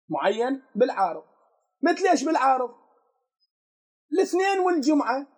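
A man's voice: extremely high pitch, husky. A man with an Iraqi accent teaching a religious law lesson, who poses questions to his students and answers them himself. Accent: Iraqi Arabic.

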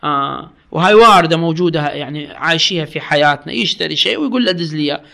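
A man with an Iraqi Arabic accent teaching a religious law lesson, reading the text slowly and then explaining it and quizzing his students. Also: fairly high pitch, expressive, gravelly, bright, forceful tone.

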